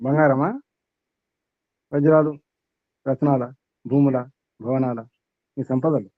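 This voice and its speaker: A man's voice: medium pitch, fairly even intonation, takes it slowly, no echo, narrow, tinny audio. A man acting as spiritual teacher, giving a sermon to a small group, questioning his listeners and reeling off long lists.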